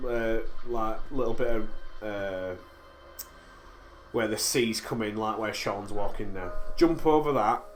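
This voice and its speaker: A man's voice: lowish voice, measured pace, a little hiss or hum. Rambling sweary Yorkshire man. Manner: rambling, sweary, jokey storyteller. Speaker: podcast host. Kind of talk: film commentary, casual chat.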